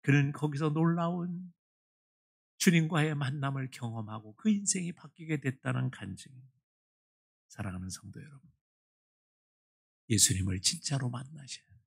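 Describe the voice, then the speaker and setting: A male pastor preaching a Sunday sermon, telling a story with animated emotion in a church. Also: medium pitch, moderate pace, creaky, pauses often, husky. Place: church sanctuary.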